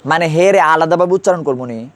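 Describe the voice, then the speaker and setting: A man's voice: a little high, fast. A man teaching a classroom grammar lesson, quizzing students and repeating key terms.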